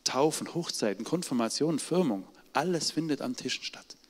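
A middle-aged man preaching a sermon, telling his testimony with strong emphasis, his voice swinging from loud to hushed. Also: fairly high pitch, lively intonation, fairly quick. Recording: long hall reverb.

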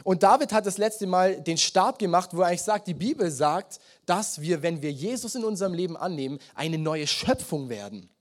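A young man preaching a sermon in German, telling stories and reading scripture with lively, emphatic delivery. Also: high voice, a little fast, few pauses. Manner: lively storytelling with emphatic rises.

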